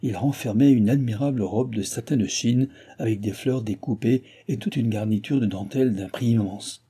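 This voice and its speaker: A man reads a classic novel aloud in a measured, expressive way. His voice is very dark and husky, held at a middle pitch. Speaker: audiobook narrator. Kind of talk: audiobook narration of a classic novel.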